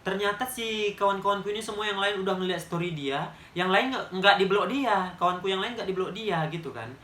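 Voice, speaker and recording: A man's voice: high voice, fairly quick, pushed and bright. Emphatic young man with a Medan accent. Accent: Medan Indonesian. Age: 20s. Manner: emphatic, chatty storytelling. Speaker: vlogger. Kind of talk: casual storytime monologue. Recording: roomy echo.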